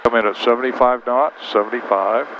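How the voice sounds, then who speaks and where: A man's voice: medium pitch, steady tone, a little fast, highs cut off. A man working as a flight instructor, talking over a pilot headset, giving directions and repeating key instructions. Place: inside a small plane in flight. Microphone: aviation headset. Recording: noisy band-limited cockpit headset intercom.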